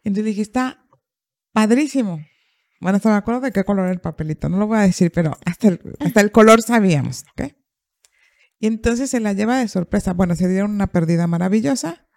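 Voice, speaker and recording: A woman's voice: mid-range voice, fast talker, vocal fry, darkish tone, dry recording, clean studio sound. A woman, a therapist hosting a podcast, telling a story in conversation and acting out the quoted dialogue.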